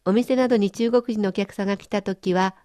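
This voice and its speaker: Female lesson host, encouraging, slow on key words, very dry recording. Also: medium pitch, fairly even intonation, warm tone, no echo. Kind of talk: friendly scripted language lesson.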